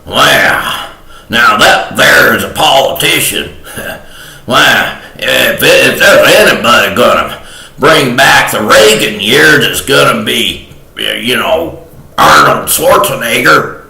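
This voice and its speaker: A man telling a rambling comic story as a vlog host, chuckling often and breaking into bursts of shouting. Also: mid-range voice, sing-song, takes it slowly, vocal fry. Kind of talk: comedic storytelling monologue. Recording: echoey room.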